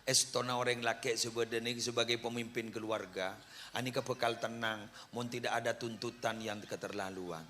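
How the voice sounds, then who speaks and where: A man's voice: medium pitch, steady tone, moderate pace, pushed and bright, a little hiss or hum. A man giving a humorous religious lecture, joking with his listeners and leading prayers aloud. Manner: jokes with the crowd and leads prayers aloud. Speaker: preacher.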